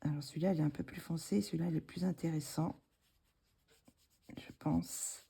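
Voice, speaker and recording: French-accented woman, gravelly and dark, unhurried craft tutorial host. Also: low voice. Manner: relaxed, hesitant, thinking aloud while working. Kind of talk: casual craft tutorial narration.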